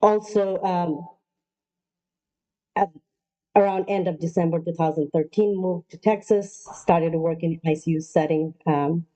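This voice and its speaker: A woman from Nepal giving an online lecture as a nurse practitioner, pausing often with ums and uhs. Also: on the low side, fairly even intonation, warm tone, low-quality recording. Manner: halting, many ums and uhs. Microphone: video call.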